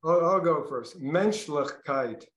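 An older man with a Brooklyn accent, a podcast guest speaking reflectively with pauses and restarts. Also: fairly high pitch, animated, a bit bright, roomy sound. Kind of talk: podcast interview.

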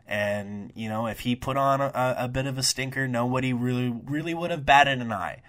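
A young man hosting a solo wrestling review podcast, talking casually with rambling asides and profane, excitable rants. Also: medium pitch, fairly quick.

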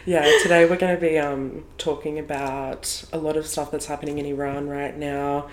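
A woman's voice: low-pitched, level tone, normal speed. A young Australian woman co-hosting a podcast in a casual, chatty way and laughing often, recorded in a room outside a studio. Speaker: podcast co-host. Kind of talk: casual chat. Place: home room, not a studio. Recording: echoey room, faint noise.

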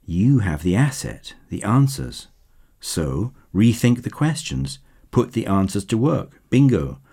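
Male reader as cheery young scientist, low mellow voice. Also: big pitch swings, takes it slowly, husky, full character voice. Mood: upbeat.

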